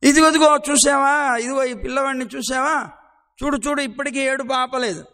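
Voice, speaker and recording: A man's voice: very high voice, level tone, fairly quick, fairly bright tone. A man voicing an exasperated village woman who pleads and complains about a naughty boy, inside his devotional storytelling. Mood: complaining. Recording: long hall reverb.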